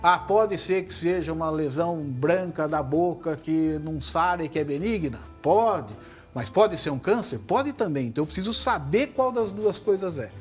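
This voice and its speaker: A Brazilian man with a fairly high voice and lively intonation gives explanatory interview answers as a guest head and neck surgeon. He speaks in a measured way with a Brazilian Portuguese accent, using tag questions like "né?", while soft music plays in the background.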